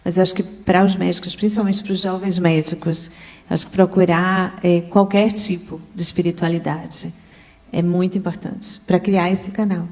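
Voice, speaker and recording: A woman doctor, answering an interview question thoughtfully and pausing to search for words. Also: lowish voice, flat delivery, a little mellow. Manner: thoughtful, pauses and restarts while searching for words.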